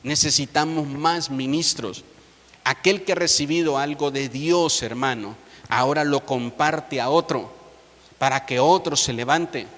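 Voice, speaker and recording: A man's voice: a little high, unhurried, a bit bright, long reverb tail. A man, a pastor preaching a sermon emphatically, with repeated refrains and calls to the congregation.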